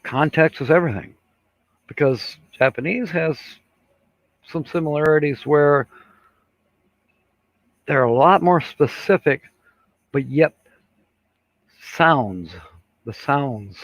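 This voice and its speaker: Here the older man's voice is on the high side, slow and full of pauses, with no room sound. He's casually hosting a live stream, chuckling, rambling and filling gaps as he works through viewer comments, all captured in dull lo-fi audio.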